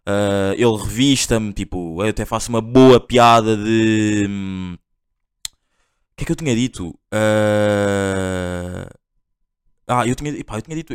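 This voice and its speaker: A man's voice: medium pitch, clear, resonant tone. A young man with a European Portuguese accent, hosting a podcast and telling a story in a rambling, slang-heavy way with lots of fillers and restarts. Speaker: podcast host. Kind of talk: casual storytelling monologue.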